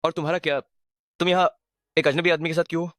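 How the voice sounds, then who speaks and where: A protective young male CEO, dubbed by a man in a Hindi drama dub. He talks fast in a slightly high voice. The recording is dry and close. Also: flat delivery, no echo, close to an everyday voice. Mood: worried. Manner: sharp with enemies, soft and worried with her. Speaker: protective boyfriend, company boss.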